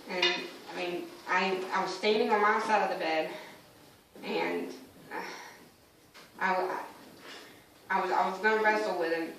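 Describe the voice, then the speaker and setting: A woman's voice: medium pitch, fairly even intonation, a little slow. A woman giving a personal spoken testimony in church, telling her story and acting out her conversations with God. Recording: echoey room from a distant mic, faint noise.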